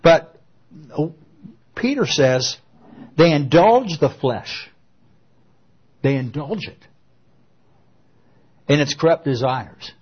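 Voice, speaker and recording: An older man preaching a sermon as pastor, emphatic and storytelling, with animated asides. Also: mid-range voice, slow, long pauses, husky, lo-fi sound.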